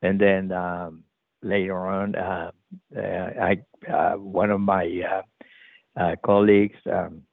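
Middle-aged chilean guy, low gravelly voice, lots of uhs and restarts, dry tinny phone-like sound. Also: level tone, no room sound. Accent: Chilean Spanish. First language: Spanish. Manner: halting, many fillers and restarts, laughs easily. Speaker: open water swim coach. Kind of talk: casual interview answer.

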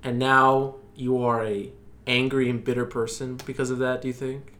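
A man's voice: medium pitch, level tone, moderate pace, a bit bright. A young man co-hosting a podcast in casual chat, teasing his guest with playful questions. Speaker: podcast co-host.

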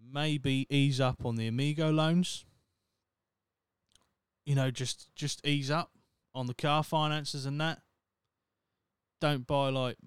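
On his own casual podcast, a man of thirty meanders along with self-deprecating humor and a lot of cursing. He speaks in a clear, resonant mid-range voice, captured in studio quality without any echo.

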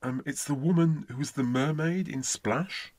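A man's voice: fairly high pitch, normal speed, a little mellow, no echo. A man from Essex, an accent coach in a comedy sketch interview, talking in a pompous, self-important way. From Essex, England.

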